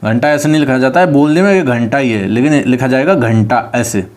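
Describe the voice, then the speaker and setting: A male teacher, mid-pitched and a little mellow, speaks a bit fast as he runs an online spelling class for exam prep. Each word is spoken aloud and followed by an explanation of its correct spelling.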